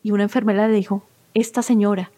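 Her mid-range voice has a dark tone, little pitch movement and a fast pace. She is a middle-aged spiritual therapist appearing as an interview guest, recounting personal stories earnestly and from the heart.

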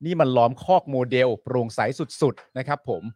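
A man co-hosting a casual live stream, animated and teasing, reading out viewer comments and jumping into sudden excited bursts. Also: medium pitch, normal speed, no room sound, studio quality. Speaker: co-host.

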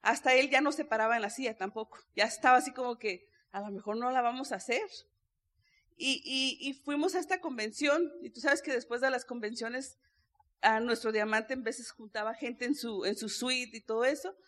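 A woman's voice: on the high side, moderate pace, a bit bright. A woman giving an earnest motivational testimony on stage at a business convention, speaking straight to the audience. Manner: earnest, personal, addressing the audience directly. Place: stage before a live audience.

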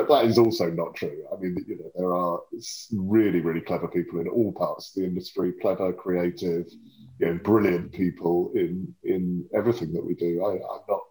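A low-voiced man in his fifties from Surrey, England, with a home counties accent, speaks as an interview guest; he works in lobbying and communications. His voice is a little mellow, and he's articulate yet often hedges and corrects himself. The room sounds echoey.

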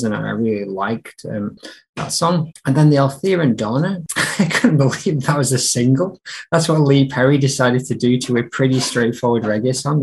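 Male podcast host, gravelly voice, enthusiastic rambling music talk. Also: medium pitch. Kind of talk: casual music chat.

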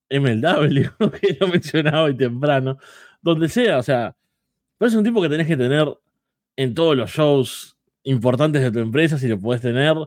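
A man's voice: mid-range voice, a little mellow, no room sound, studio quality. A man co-hosting a wrestling podcast with casual, conversational reviews.

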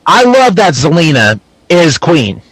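A man with a high voice co-hosts a casual wrestling chat. He gives his opinions bluntly, recorded dry with no room sound. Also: sing-song, a little slow, fairly bright tone, husky, dry recording. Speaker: podcast co-host.

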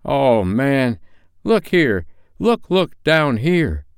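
Man doing a solemn spirit, sorrowful, declaiming, smooth, dry storybook reading. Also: mid-range voice, expressive, measured pace, dry recording, voice pushed up, lightly acted. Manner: grave, declaiming, forceful warnings. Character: solemn, sorrowful, aging Christmas spirit, male.

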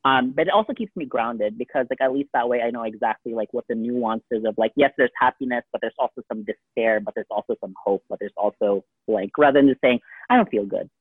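A man's voice: medium pitch, fairly quick, hardly any pauses, slightly rough, dry recording. A man co-hosting a podcast in casual chat, rambling with lots of "like" and "um" fillers. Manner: rambling, heavy use of "like" and "um". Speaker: podcast co-host. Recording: tinny phone-like dry sound.

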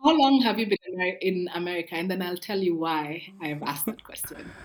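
Low-voiced woman, measured podcast guest. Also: lively intonation. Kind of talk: casual conversational interview.

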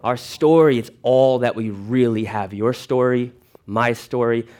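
A man speaking to a church congregation, giving an earnest personal testimony and telling animated stories. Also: medium pitch, measured pace.

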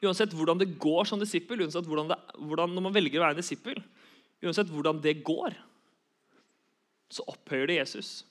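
A man's voice: fairly high pitch, a bit bright. A young man giving an earnest sermon, repeating key phrases for emphasis. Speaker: preacher.

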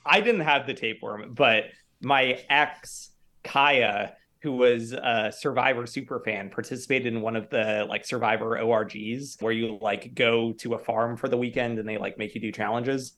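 A man's voice: mid-range voice, fairly even intonation, normal speed, sharp tone. A man co-hosting a podcast, chatting casually in a rambling way. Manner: rambling, full of "like" fillers. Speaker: podcast co-host. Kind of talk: casual chat.

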